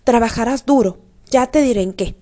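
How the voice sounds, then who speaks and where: A woman's voice: on the high side, fairly quick, dark tone, natural voice. A woman reading the lines of a stern, angry father scolding his son, in her own voice.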